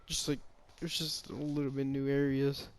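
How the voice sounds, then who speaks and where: A man's voice: mid-range voice, little pitch movement, moderate pace. Hesitant young man rambling his opinions. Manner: hesitant, rambling, sighing, many restarts and fillers. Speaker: gamer giving opinions. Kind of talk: casual opinion monologue.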